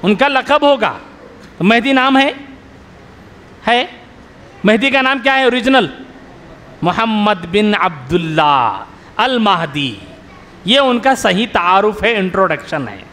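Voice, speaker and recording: A middle-aged male religious scholar lecturing a live crowd in a fairly high voice. He tells homely stories and keeps stopping to quiz his listeners, repeating the key point until they answer. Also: moderate pace, pauses often, a bit bright, big-room sound, a little hiss or hum. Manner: quizzes the audience with repeated questions; storytelling with everyday examples. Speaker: Islamic scholar, maulana.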